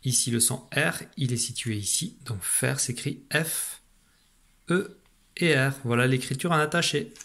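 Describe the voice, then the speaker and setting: A man teaching a remote lesson to young children, patient and slow, repeating syllables for a dictation. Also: mid-range voice, fairly bright tone. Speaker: primary school teacher.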